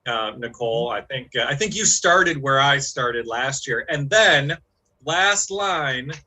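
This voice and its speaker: A man recapping the last tabletop game session in a lively, storytelling way. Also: medium pitch, slow pace, low-quality recording. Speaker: player giving the recap.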